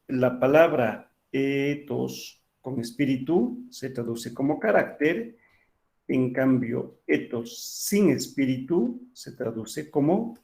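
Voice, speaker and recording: Male teacher, online lecture, heavy vocal fry, warm low tone, patient explanations, frequent comprehension checks.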